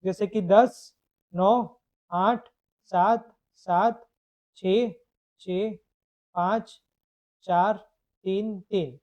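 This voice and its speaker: A man's voice: high voice, steady tone, drawn-out words, pauses often, dull audio. A man teaching a live online math lecture. He explains step by step, asks questions and answers them himself, and mixes English phrases into his explanation.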